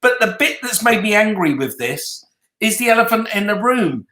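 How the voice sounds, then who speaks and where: A man hosting an interview, talking forcefully and repeating words for emphasis. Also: high-pitched, sing-song, moderate pace. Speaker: interview host. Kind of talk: conversational interview. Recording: echoey room.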